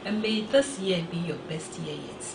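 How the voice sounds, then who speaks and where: A woman's voice: on the low side, moderate pace, creaky. Sing-song woman, echoey room. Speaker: well-wisher. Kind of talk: birthday video message. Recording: echoey room with background noise.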